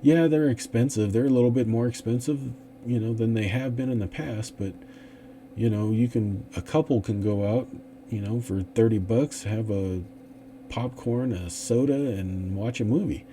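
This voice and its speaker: A man's voice: medium pitch, moderate pace, mellow, a little hiss or hum. A man hosting an investing channel, talking through stock picks in a casual, rambling way with many fillers and restarts. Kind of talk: casual stock analysis talk.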